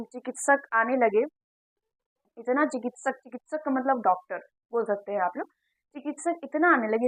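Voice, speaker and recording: Woman teacher, high voice, dry close sound, drills exam answers by repetition. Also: no room sound, poor audio. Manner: repeats questions and answers to drill points. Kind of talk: exam-prep lesson.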